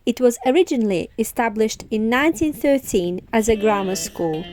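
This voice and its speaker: A woman's voice: on the high side, expressive, moderate pace, a little mellow. A woman vlogger giving scripted, informative travel narration. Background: music.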